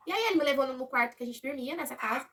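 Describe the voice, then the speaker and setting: Speaking very fast in a high-pitched voice, a Brazilian woman tells her viewers a personal story, casual and animated, acting out what other people said. The mic sounds distant.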